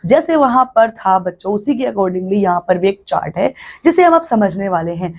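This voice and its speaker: A young woman teaching a math lesson to children, reading numbers aloud slowly and repeating them, and often turning to the kids. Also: medium pitch, lively intonation, darkish tone. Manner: mixes Hindi and English, addresses children often.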